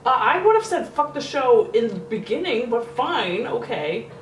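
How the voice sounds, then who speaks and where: A nervous, jokey woman comments on her game in a fairly high, very lively voice and is easily spooked. She sounds a bit far from the mic, in an echoey room. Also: moderate pace, slight background noise. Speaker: gamer. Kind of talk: casual gaming commentary.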